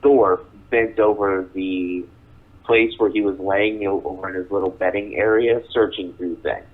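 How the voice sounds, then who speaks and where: A man's voice: low-pitched, fairly even intonation, normal speed. A man casually narrating a tabletop role-playing game as the game master. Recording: tinny, narrow radio-like voice channel.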